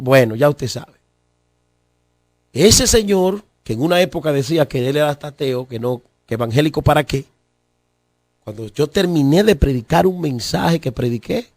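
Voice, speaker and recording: A man's voice: on the high side, no echo, studio quality. A male pastor preaching a fervent sermon, repeating phrases and appealing directly to listeners.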